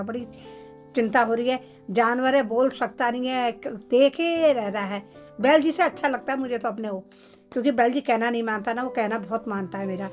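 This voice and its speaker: A middle-aged woman narrating her daily home routine in a chatty way, talking straight to her viewers. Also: a little high. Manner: chatty, addresses viewers directly. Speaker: vlogger. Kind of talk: casual home vlog narration.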